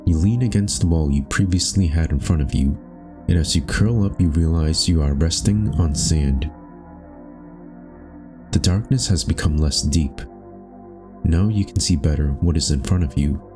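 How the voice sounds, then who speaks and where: Speaking in a bass voice over music, a man narrates a dark existential story in the second person from a script, keeping a brooding, solemn, measured tone.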